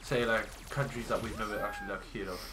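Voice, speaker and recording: A man's voice: lowish voice, fast. Welsh guy swearing and laughing through a game, noisy room. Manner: loud, sweary, laughing a lot. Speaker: gaming host. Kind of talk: casual gameplay banter. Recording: noisy room on one desk mic.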